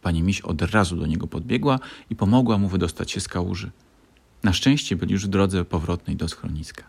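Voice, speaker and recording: Guy reading a kids story, lowish voice, calm and expressive. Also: brisk, vocal fry, breathy edge. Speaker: narrator. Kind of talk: scripted bedtime story narration.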